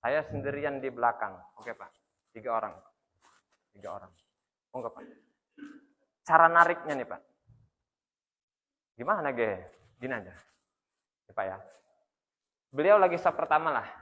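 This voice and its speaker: A man's voice: medium pitch, lively intonation, moderate pace, long pauses, sharp tone. A man giving a religious study lecture in a mosque, explaining prayer rules step by step and addressing the men in the audience as "Pak" again and again. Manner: demonstrates recitations by chanting them. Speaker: Islamic religious teacher. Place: mosque hall. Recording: long echo of a mosque hall.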